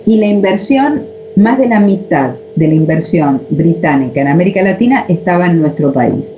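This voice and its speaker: A woman with an Argentine accent teaching a history class over a video call, lecturing and posing rhetorical questions to her students. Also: lowish voice. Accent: Argentine Spanish. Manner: lecturing, asks rhetorical questions, frequent "este" fillers. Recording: muffled online call audio, faint noise.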